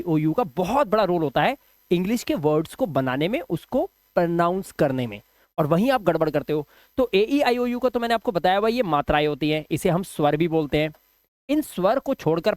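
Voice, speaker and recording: A man's voice: high voice, no room sound. A male English teacher giving a spoken lesson. He asks the class questions and answers them himself, and drags out letter sounds as he spells. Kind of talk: spoken video lesson for students.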